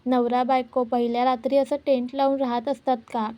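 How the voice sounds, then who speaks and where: A woman's voice: high voice, flat delivery, a little fast, mellow, close to an everyday voice. A woman reading the lines of a young husband who teases lightly and plays along. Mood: teasing. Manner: lightly teasing. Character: young man, teasing, playful husband.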